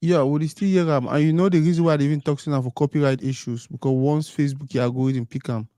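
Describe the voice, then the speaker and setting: A man's voice: fairly high pitch, fairly even intonation, quick pace, warm tone, no room sound. Man hosting a live chat. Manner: casual, mixes Pidgin into English. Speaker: podcast host. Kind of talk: live online interview.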